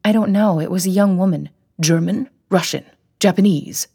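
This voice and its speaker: A woman's voice: dark tone, slightly rough, no room sound, clean studio sound. A woman playing an anxious pleading granddaughter. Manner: pleading, higher and quicker than the narration. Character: worried young granddaughter, earnest and pleading.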